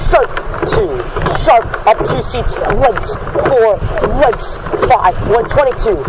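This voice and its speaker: High-pitched male coxswain over loud noise. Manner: commanding, urgent, clipped repeated counts. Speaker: rowing coxswain. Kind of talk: shouted race calls to a crew. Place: outdoors in a rowing boat on a lake. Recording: noisy outdoor cox recording on water. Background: loud boat and water noise.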